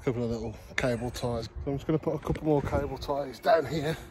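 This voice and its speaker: A man's voice: medium pitch, fast. A man in his thirties vlogging casually from an outdoor allotment garden, rambling and joking at himself with plenty of ums. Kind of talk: casual self-deprecating vlog. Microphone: phone camera held close. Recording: outdoor noise behind the voice.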